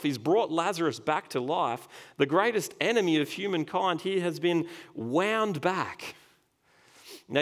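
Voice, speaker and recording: Dynamic preaching man. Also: medium pitch. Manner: dynamic preaching, dropping soft then rising loud on scripture. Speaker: pastor. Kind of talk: sermon.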